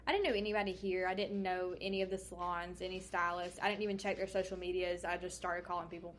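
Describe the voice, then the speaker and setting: A woman's voice: lowish voice, flat delivery, quick pace, slight background noise. A young adult woman, a hairstylist and podcast co-host, telling her story candidly in casual chat and swearing now and then. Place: United States.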